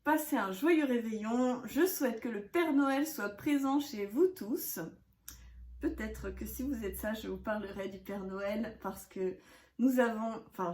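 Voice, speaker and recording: Woman in her 30s, unhurried, hesitant scrapbooking vlogger; echoey room. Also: fairly high pitch. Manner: chatty, with many hesitations and soft laughs. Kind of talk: casual haul chat to camera.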